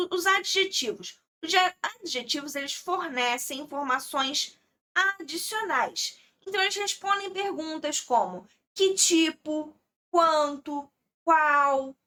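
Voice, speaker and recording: A young adult woman with a Brazilian accent teaches an exam-prep English lesson, her voice high and bright. She explains slowly and patiently, step by step, checking in with her listeners as she goes. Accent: Brazilian Portuguese.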